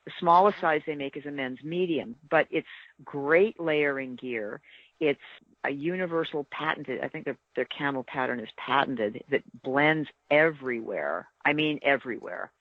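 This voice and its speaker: A woman with a deep voice, an experienced hunter appearing as a podcast guest, gives practical advice drawn from her own experience in a casual panel chat. She speaks earnestly and emphatically, a little slowly. The recording is dry and lo-fi.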